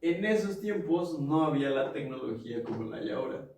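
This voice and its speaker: A man's voice: medium pitch, lively intonation, fairly quick, creaky, a little mellow. A man with a Mexican accent co-hosting a casual podcast, explaining ideas with examples and acting out quoted lines. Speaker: podcast co-host. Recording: echoey room, mic at a distance.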